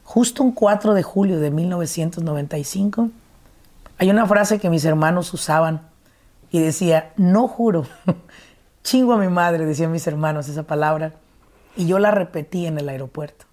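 Speaking briskly in a low, darkish voice, a Mexican woman with a Mexican Spanish accent hosts a conversational interview. She's earnest and reflective as she tells her own story.

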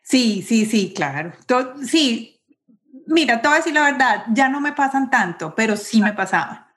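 A woman's voice: on the high side, animated, moderate pace, a bit bright. A woman interviewing in a casual conversational way, candidly sharing her own experience.

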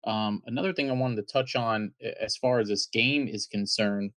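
A man's voice: on the low side, normal speed, a bit bright, no echo. A man hosting an interview, earnestly asking long, wordy questions. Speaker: interviewer, host. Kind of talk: podcast interview.

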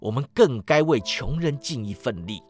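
A man voicing a polite gentleman collecting for charity, who speaks calmly and courteously. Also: medium pitch, normal speed, faint music behind, natural voice. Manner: calm, courteous.

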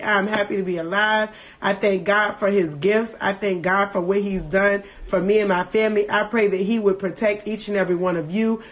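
A woman leads a devotional livestream with a mid-range voice. She reads scripture in a slow, deliberate cadence, then talks in quick, animated asides. It sounds like a phone stream. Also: mid-range voice. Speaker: podcast host leading a devotional livestream. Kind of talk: scripture reading with devotional talk.

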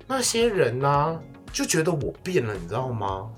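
A man's voice: mid-range voice, huge pitch swings, moderate pace, soft background music. A man, co-hosting a casual podcast and venting animatedly about work, acting out office quarrels. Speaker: podcast co-host.

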